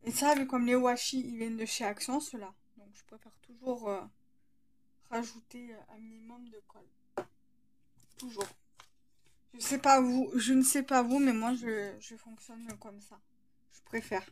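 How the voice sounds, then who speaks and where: Woman, slight lisp, unhurried delivery, thinking aloud, hands-on tutorial host. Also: on the high side, steady tone, darkish tone. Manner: hesitant, thinking aloud as she works. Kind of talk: casual hands-on tutorial narration.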